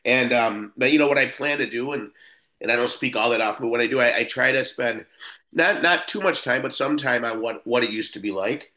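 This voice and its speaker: A man in his fifties from Buffalo, New York, gives a personal recovery talk at a meeting, rambling with many restarts and fillers. His mid-range voice is brisk and sharp-toned, and the audio is poor.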